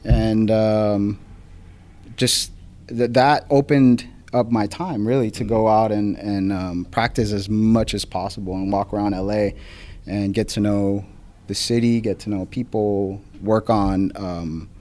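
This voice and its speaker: Speaking unhurriedly in a fairly low, darkish voice with fairly even intonation, this man is a guest photographer in a casual interview. He comes from the Philippines, grew up in Los Angeles, and is recorded live on a podcast before a small audience, with many ums and restarts.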